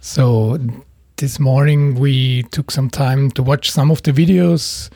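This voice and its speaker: A man hosting a podcast, interviewing a small group with long, measured questions. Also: medium pitch, steady tone, vocal fry, dark tone, no room sound, clean studio sound. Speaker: podcast host.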